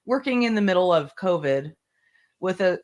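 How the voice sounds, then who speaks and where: A livestream host commenting casually on a trial, halting and full of fillers, with the hiccups. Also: mid-range voice, animated. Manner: halting, filler-heavy, many restarts. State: has the hiccups. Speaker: trial-watching stream host. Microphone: streaming mic.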